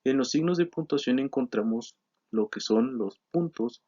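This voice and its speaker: A man's voice: medium pitch, normal speed, husky. Man explaining grammar. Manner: steady explanatory delivery with frequent "eh" and self-corrections. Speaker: teacher presenting a grammar lesson. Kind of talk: explanatory lesson reading from slides. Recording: slightly dull lo-fi sound.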